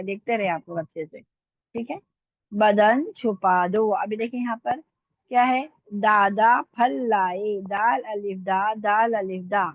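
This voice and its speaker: Woman spelling out letters slowly, tinny sound. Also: fairly high pitch, no room sound. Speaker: Urdu script teacher. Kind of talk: online language lesson.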